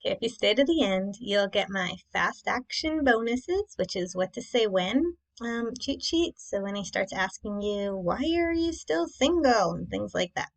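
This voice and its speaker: A woman's voice: medium pitch, expressive, normal speed, gravelly, few pauses, low-quality recording. A woman coaching in a casual, chatty presentation, talking informally to her audience with rhetorical questions and frequent check-ins. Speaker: dating coach and class host. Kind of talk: casual instructional presentation to camera.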